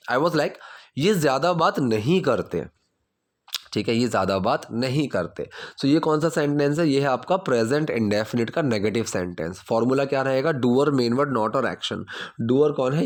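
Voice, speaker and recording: A man teaching English grammar in Hindi, explaining step by step and saying the English example sentences slowly. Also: medium pitch. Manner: explains step by step, checks with "theek hai?".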